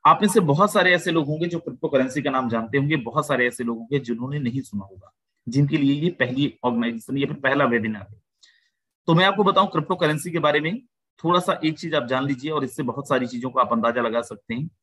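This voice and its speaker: A man hosting an online video-call webinar, giving a persuasive sales pitch and often calling the listeners "my friend". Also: quick pace, pushed and bright, slightly rough, no echo, poor audio. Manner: persuasive, addresses listeners as "my friend", mixes English phrases. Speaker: webinar host.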